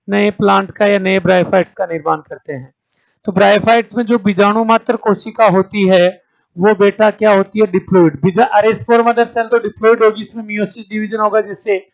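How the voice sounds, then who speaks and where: Man, teacher, exam-prep lecture, high voice, asks and answers his own questions, dull lo-fi sound. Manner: repeats questions to the class and answers them; calls students 'beta', checks understanding with 'theek hai'.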